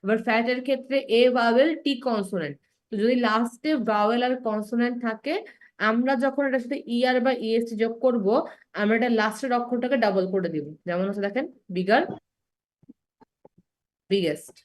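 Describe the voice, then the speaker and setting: Young woman, grammar teacher, patient online lecture, voice sits a little high. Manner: explains patiently, slows to spell out example words.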